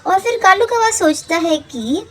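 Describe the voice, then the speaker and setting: A woman narrates a cartoon fable in a steady, plain storytelling manner. Her voice sits high. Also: normal speed.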